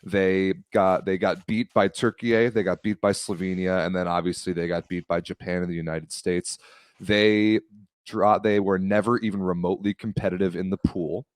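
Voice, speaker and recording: A man's voice: low voice, fairly even intonation, normal speed, no room sound, clean studio sound. A young man co-hosting a casual sports podcast, walking through team rankings point by point in an analytical way. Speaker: podcast co-host.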